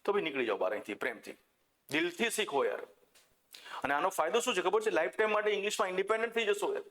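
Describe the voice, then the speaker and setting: A man with a Gujarati accent teaching an English class for exam coaching, animated and direct, often checking with the class. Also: sits high, rapid-fire. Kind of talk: classroom lecture.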